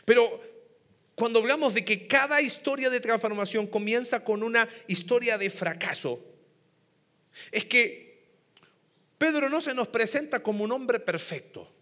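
A man's voice: extremely high pitch, unhurried, pauses often, sharp tone. A man preaching a sermon to a congregation, talking conversationally and putting questions to the audience. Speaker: pastor. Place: church hall before a congregation. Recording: long hall reverb.

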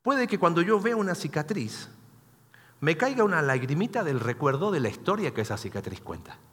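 A man's voice: fairly high pitch, very animated, brisk, fairly bright tone, long reverb tail. A pastor preaching a sermon in a conversational way, questioning the congregation as he goes.

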